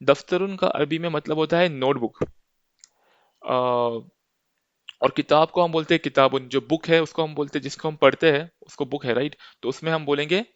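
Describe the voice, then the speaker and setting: A man's voice: fairly high pitch, steady tone, moderate pace, clean tone, dry recording, muffled recording. A man teaching an Arabic lesson step by step, patient and often checking in with his listeners.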